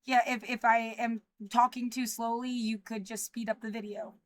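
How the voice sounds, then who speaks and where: A woman's voice: fairly high pitch, little pitch movement. Anxious rambling woman in her thirties. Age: 30s. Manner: anxious, rambling, halting with many restarts. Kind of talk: livestreamed personal monologue.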